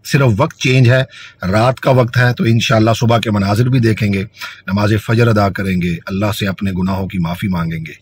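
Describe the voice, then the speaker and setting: A man's voice: lowish voice, steady tone, fairly quick, slight background noise. A man in his thirties presenting a mosque tour vlog, speaking enthusiastically with devotional phrases, filmed on a phone camera at arm's length from a car at night and then outside a mosque. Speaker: travel vlogger.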